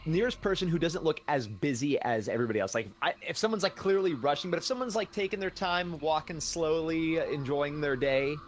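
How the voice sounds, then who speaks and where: A man's voice: on the high side, a little fast, few pauses, slight background noise. A man playing a tabletop game, speaking eagerly and stammering as he chats in character. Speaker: player.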